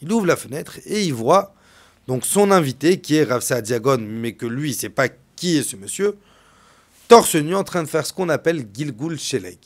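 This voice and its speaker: A man, a rabbi, delivering a storytelling sermon, swinging from hushed to loud. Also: a little high, sing-song, normal speed.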